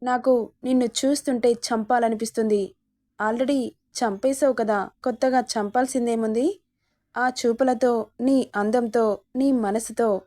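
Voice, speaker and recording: A woman's voice: on the high side, fairly even intonation, a little slow, warm tone, natural voice. A woman voicing a possessive young husband who speaks insistently and gives orders. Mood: coaxing. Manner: commanding, insistent.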